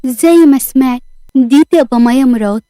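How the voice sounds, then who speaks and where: A woman's voice: sits high, fairly quick, dark tone, no echo, studio quality, natural voice. Woman reading as a cold Egyptian husband. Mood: mocking. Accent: Egyptian Arabic. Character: cold, harsh husband, newly remarried.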